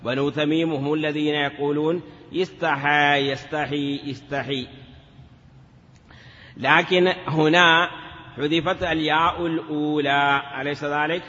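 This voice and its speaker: A man's voice: a little high, steady tone, moderate pace, pushed and bright, in a large hall, muffled recording. A man teaching a grammar lesson in a classroom, asking questions and answering them himself, sometimes drawing words out in a chanting lilt. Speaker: teacher of Arabic morphology. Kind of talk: classroom lecture.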